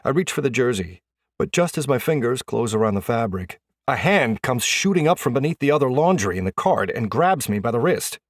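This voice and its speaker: A young adult man narrating an audiobook in the first person in a lively, expressive way. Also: medium pitch, brisk, no room sound, clean studio sound.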